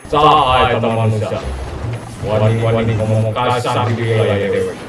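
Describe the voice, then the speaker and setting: A man playing an angry, domineering thunder king of the forest in a comedy skit, speaking roughly and menacingly. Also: on the low side, fairly even intonation, a little slow, echoey room, music in the background, lightly acted. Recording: distant voice with clear background noise.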